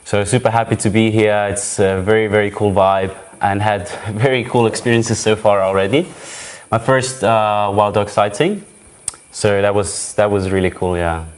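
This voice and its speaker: A young wildlife photographer from Zurich, Switzerland, introduces himself casually as a guest on a live show, sounding friendly and enthusiastic with slightly distinctive phrasing. His voice is on the low side and clean, with fairly even intonation and a moderate pace.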